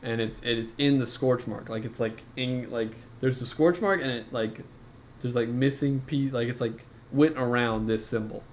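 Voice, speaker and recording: Man, game master, halting narration, lots of fillers, mid-pitched voice, faint noise behind.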